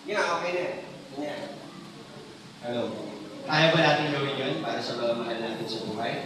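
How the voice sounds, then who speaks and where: A man's voice: medium pitch, steady tone, a little fast. A male preacher giving a passionate sermon, mixing Tagalog and English and often calling for the congregation to answer back. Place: church hall. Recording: echoey room from a distance, faint noise.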